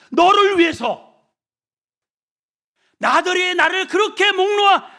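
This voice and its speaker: A man voicing God answering a complaining believer, rising to loud, emphatic declarations. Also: high-pitched, creaky, slightly rough, heavily acted.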